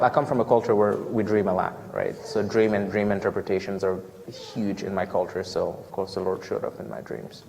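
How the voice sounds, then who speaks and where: A man with a Ghanaian accent sharing a personal testimony in a church, earnest and halting, with many restarts. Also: on the low side, darkish tone, big-room sound. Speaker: church member giving a mission trip report. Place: church hall.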